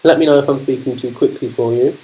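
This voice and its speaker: A man from London with a polished, non-Cockney London accent, an English teacher commentating a game livestream, speaking slowly and clearly for learners. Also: mid-range voice, steady tone, mellow, poor audio. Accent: polished London English, not Cockney. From London, England. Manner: upbeat, keeps saying fantastic.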